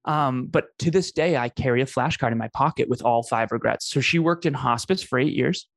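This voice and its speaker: A man's voice: mid-range voice, brisk, gravelly, no room sound, clean studio sound. A man, telling his life story in an earnest, emphatic conversational way. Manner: earnest, emphatic, repeats phrases for effect. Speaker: podcast host telling his story as a guest.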